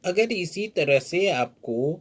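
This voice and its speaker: A fairly high-voiced man teaches in an unhurried, deliberate way. He stretches each syllable out and keeps asking the learner how to read it. The sound is of a patient classroom lesson. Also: expressive. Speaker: Hindi teacher. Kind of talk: slow spoken lesson at a board.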